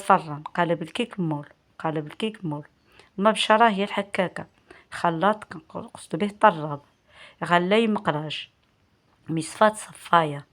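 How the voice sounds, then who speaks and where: A woman with a Moroccan accent teaching vocabulary, reading out word lists slowly and clearly and repeating each word beside its standard equivalent. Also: lowish voice. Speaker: language teacher.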